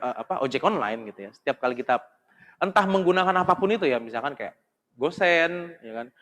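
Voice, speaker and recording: Chatty young man, roomy reverb. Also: on the high side. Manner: relaxed, chatty, slangy, with many fillers. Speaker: speaker at youth Bible study. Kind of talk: casual talk. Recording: long reverb with faint music.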